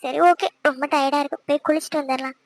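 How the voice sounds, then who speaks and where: A woman's voice: sits high, little pitch movement, fast, very noisy. A young woman voicing a playful, scolding young wife in a cartoon. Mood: musing. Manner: chiding, teasing. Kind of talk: cartoon voice acting.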